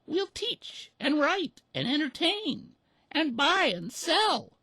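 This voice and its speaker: A man voicing a flock of breathless hens in a shrill falsetto squawk, in a rhymed storybook recitation. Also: big pitch swings, slow, pushed and bright, no echo, full character voice. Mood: indignant.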